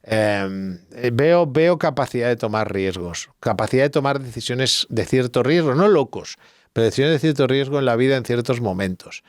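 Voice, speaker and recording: A man's voice: mid-range voice, animated, moderate pace, no echo, studio quality. A middle-aged man, a guest expert who explains at length, telling anecdotes and thinking aloud in a casual podcast chat.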